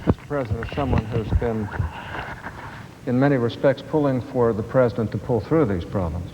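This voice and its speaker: A man giving an earnest, deliberate floor speech as a senator in a large chamber, heard from a worn tape copy. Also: mid-range voice, long reverb tail, muffled recording, noisy background. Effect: worn VHS tape copy.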